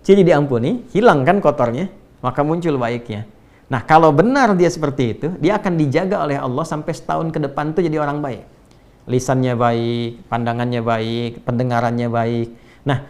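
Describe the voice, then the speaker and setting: The speaker is an Islamic preacher whose voice is fairly high and a little mellow. In his conversational, sermon-style religious lecture he asks rhetorical questions, drops in tag words like "ya", and recites Arabic verses in between explaining.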